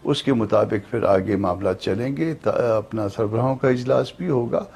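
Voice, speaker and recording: A man with a Pakistani Urdu accent speaking as a political guest, calm and hesitant, with frequent fillers. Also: on the low side, gravelly, slightly rough. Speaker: political party spokesman guest. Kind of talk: measured political commentary.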